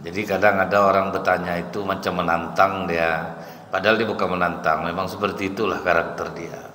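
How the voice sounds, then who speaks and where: A deep-voiced man preaches a sermon, telling stories in a folksy way and turning often to his listeners. The sound is roomy, with a long hall reverb and faint ambience behind him. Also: level tone, fairly quick, pushed and bright, a little hiss or hum. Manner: folksy storytelling, addressing the congregation as sir and madam.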